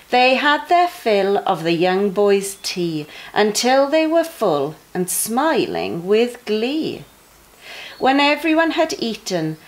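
A middle-aged woman reads children's Bible stories aloud at bedtime for a junior church audience of young kids. Her pitch swoops up and down with lively animation, yet she keeps her pace slow and measured. She leans into her phrasing with emphasis, like an expressive storyteller.

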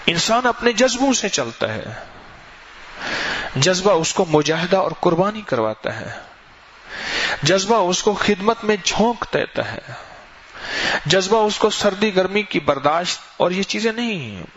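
A man's voice: long pauses, husky. A man delivering a sermon as a preacher, telling stories with sweeping rises and falls in his voice. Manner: storytelling with lively swings in pitch. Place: mosque gathering. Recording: dull lo-fi recording with faint noise.

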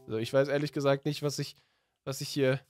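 A man's voice: mid-range voice, little pitch movement, fast talker, darkish tone, no room sound, faint music behind. A man playing himself in a Minecraft story, talking in a casual, slangy way and sounding confused and hesitant. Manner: slangy and casual, often asking what is going on. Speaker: YouTuber playing his own character in a Minecraft story. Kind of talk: role-played Minecraft story with casual chat.

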